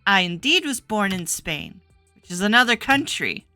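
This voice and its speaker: A woman's voice: mid-range voice, sing-song, moderate pace, pushed and bright, no echo, faint music behind. A woman doing a sardonic young nun. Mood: sarcastic. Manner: pointed and sarcastic.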